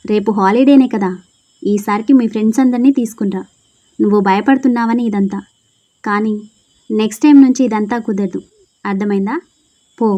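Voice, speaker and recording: A woman voicing a brash, threatening young male rowdy who talks in a gruff, commanding way in a storybook tale. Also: mid-range voice, brisk, long pauses, dark tone, muffled recording, close to an everyday voice. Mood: stern.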